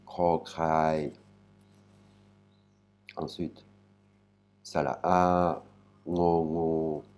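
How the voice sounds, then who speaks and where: A man with a very deep, dark voice gives a language lesson. He speaks slowly and spells out each sound and syllable with care. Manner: slow, spells out sounds one by one. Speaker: Thai language teacher. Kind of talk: spoken lesson.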